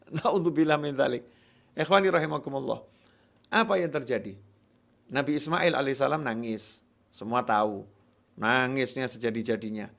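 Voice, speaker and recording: A man preaching a sermon in a lively way, acting out worried voices and swinging between loud outbursts and quiet asides. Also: medium pitch, creaky. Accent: Indonesian.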